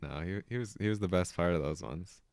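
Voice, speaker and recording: A man's voice: deep voice, brisk, vocal fry, darkish tone, dry recording. A man co-hosting a casual movie review chat, laid-back with dry jokes. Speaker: podcast co-host.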